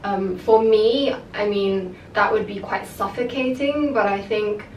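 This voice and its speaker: Her mid-range voice moves a little slowly as this young woman vlogger chats frankly to the camera, peppering her speech with filler words. Half Japanese, she was raised in the UK. The echoey room and distant camera mic leave the audio noisy.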